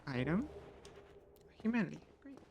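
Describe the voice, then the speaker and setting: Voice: medium pitch, very animated, normal speed, vocal fry, darkish tone, muffled recording, slight background noise. A streamer giving casual gameplay commentary, chatty and joking, swearing now and then and talking to the chat.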